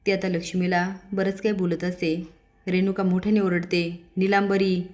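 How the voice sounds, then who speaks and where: A woman's voice: lowish voice, flat delivery, normal speed, a little mellow. A woman retelling a TV serial episode, reading every character's lines in her own plain voice. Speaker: serial recap narrator.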